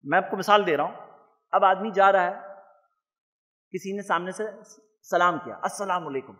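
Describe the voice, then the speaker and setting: High-voiced man lecturing in an echoey hall. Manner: animated, asks the audience questions and has them repeat. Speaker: Islamic lecturer. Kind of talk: religious lecture to an audience.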